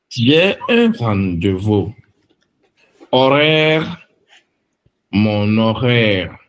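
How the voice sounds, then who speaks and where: A man from France reading vocabulary aloud for learners, carefully enunciating each word and then an example phrase. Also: mid-range voice. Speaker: language teacher.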